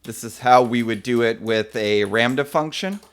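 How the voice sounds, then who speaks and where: A man's voice: mid-range voice, normal speed, smooth. A man teaching programming on a live stream, talking casually with many fillers and chatting with viewers as he codes. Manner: casual, many fillers, reads chat names aloud. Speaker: programming instructor. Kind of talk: live-coding lesson.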